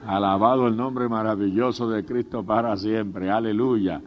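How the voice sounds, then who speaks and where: A man's voice: lowish voice, fairly even intonation, moderate pace. A man preaching a sermon as pastor, fervent and humorous, breaking in often with praise to God. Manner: humorous storytelling with laughs. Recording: dull lo-fi sermon tape.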